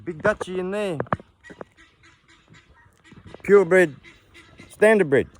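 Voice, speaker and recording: A man's voice: high voice, drawn-out words, a little hiss or hum. An Australian man in his seventies gives a blunt, rambling rant while walking around his small farm. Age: 70s. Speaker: vlogger and hobby farmer. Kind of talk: casual ranting monologue. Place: outdoors on a small farm among animals.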